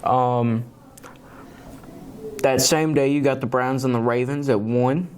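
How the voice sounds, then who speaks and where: A man co-hosting a laid-back sports podcast, sleepy and yawning as he talks. His voice sits at a middling pitch, and he reads through lists of games in an easy, unhurried way. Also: a little hiss or hum. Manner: relaxed, laughs often, reads out schedules. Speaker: podcast co-host. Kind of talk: casual sports chat.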